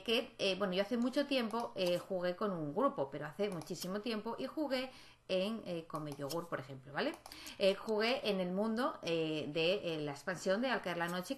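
A woman's voice: on the high side, fairly bright tone. Chatty woman playing a sim game. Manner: chatty, talks to her game characters, frequent tag questions. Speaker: gaming YouTuber. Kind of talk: casual let's-play commentary.

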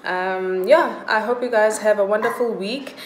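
Chatty South African mom vlogger. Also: female voice, medium pitch, moderate pace, reverberant, a crowd in the background, poor audio. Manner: relaxed, chatty, talks to her toddler in between. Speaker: vlogger, mother. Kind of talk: casual chat to camera. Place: home kitchen, indoors. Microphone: phone camera at arm's length.

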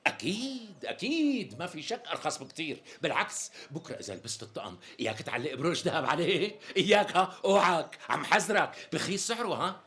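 An actor with a Syrian accent playing a flattering tailor who talks around the price in flowery sales patter. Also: male voice, on the high side, quick pace, few pauses. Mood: coaxing. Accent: Syrian Arabic. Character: smooth-talking flattering tailor who dodges naming a price. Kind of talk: TV sketch comedy acting.

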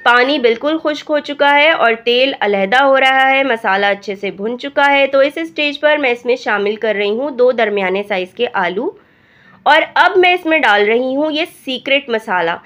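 A woman with a hoarse voice from a cold, calmly talking through a recipe step by step as a cooking channel host. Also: high voice, normal speed. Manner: calm step-by-step instructing. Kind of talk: recipe voice-over narration. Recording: dull lo-fi voice-over.

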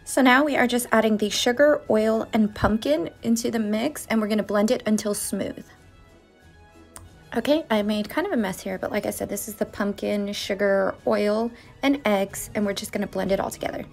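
With a creaky, mid-range voice and a moderate pace, this baking channel host narrates casually from her home kitchen. She's chatty, walking viewers through each step one at a time, with soft music playing in the background.

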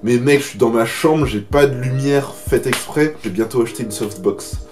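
A young man with a French accent explaining a BMX trick in a loud, chatty casual tutorial from his bedroom. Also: mid-range voice, normal speed, over music. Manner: loud, chatty, addresses viewer as mate.

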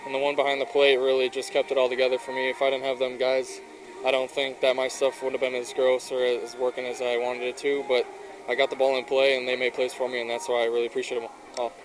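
Casting: young male athlete, monotone and quick, faint outdoor background noise. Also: mid-range voice, poor audio. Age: young adult. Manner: laid-back, plain answers. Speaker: baseball pitcher. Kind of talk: postgame interview. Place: outdoors on a baseball field at dusk. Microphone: reporter's handheld mic.

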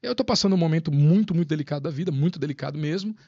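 A man's voice: on the high side, racing, no room sound, lo-fi sound. A man guest on a podcast, chatting casually and telling stories with lots of slang and acted-out quotes. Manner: animated storyteller, slangy, acts out quotes. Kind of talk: casual chat.

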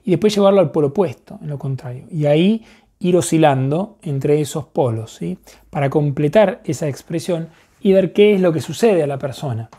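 Male instructor, warm low-key tone, unhurried explainer who keeps asking "right?". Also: slightly rough. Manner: relaxed, thinks aloud, checks in with frequent "right?". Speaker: therapy and coaching instructor. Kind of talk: explanatory teaching talk.

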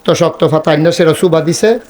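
A male preacher, telling a humorous village sermon with acted dialogue and sudden high shouts. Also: fairly quick.

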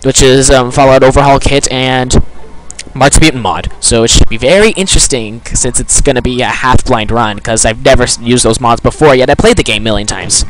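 A man's voice: medium pitch, a little fast, rough recording. Teasing male game co-commentator. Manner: teasing, blurting reactions. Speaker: guest co-commentator. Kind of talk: casual let's-play commentary.

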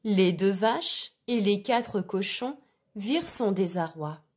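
Slow-reading woman storyteller. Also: medium pitch. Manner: slow, clear and expressive.

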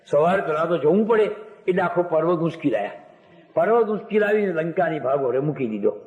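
A man's voice: fairly high pitch, expressive, a little fast, narrow, tinny audio. A man telling devotional stories as a sermon, narrating old myths, voicing the characters and breaking into sung verses. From Gujarat, India. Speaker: religious storyteller. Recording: echoey hall recording.

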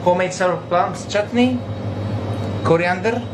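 A man's voice: high voice, unhurried, noisy background. A Greek man in his forties with a Greek accent, a chef explaining a dish in short, broken English phrases in a restaurant kitchen. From Greece. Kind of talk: casual cooking demonstration. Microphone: handheld camera close by.

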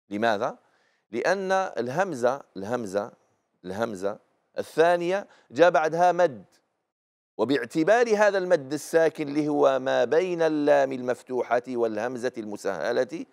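A middle-aged man with an Algerian accent, hosting a live TV lesson on recitation rules and explaining them patiently, often repeating the key points. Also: fairly high pitch. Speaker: Quran recitation teacher and host.

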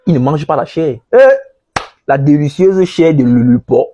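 Speaking French as a second language, this farming-channel host chats with his viewers like friends while explaining a video. His voice is on the high side, brisk, and dark-toned, and the audio has cut-off highs with a little hiss or hum.

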